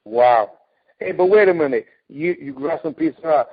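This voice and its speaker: A man hosting a casual radio interview, telling stories with lively acted-out quotes. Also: a little high, moderate pace, gravelly, slightly rough. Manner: animated storyteller, acts out quotes. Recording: phone-like radio audio.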